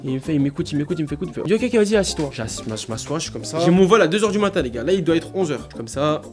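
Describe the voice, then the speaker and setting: A young man from France, a vlogger, telling a story on a live stream in an animated, slangy way. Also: racing, soft background music. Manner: animated, slangy storytelling that jumps into high excited voices.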